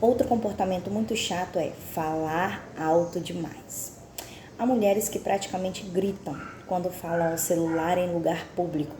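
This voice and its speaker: Woman reading a devotional book, low mellow voice, echoey room, stops to ask you stuff. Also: normal speed, slight background noise. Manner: reflective, confessional, asks the listener direct questions. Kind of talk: reading a book aloud with personal commentary.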